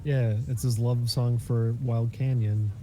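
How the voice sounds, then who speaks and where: A man's voice: mid-range voice, little pitch movement, unhurried, background noise. A young man who is a guest, chatting casually about a game and often playfully quoting lines in put-on voices. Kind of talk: casual gameplay chat.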